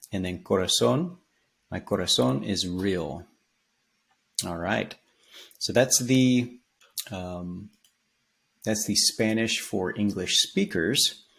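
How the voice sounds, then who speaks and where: Low gravelly man teaching casually. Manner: relaxed, rambling, many ums and restarts, sings snippets. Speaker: language teacher. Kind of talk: casual spoken lesson, explaining song lyrics.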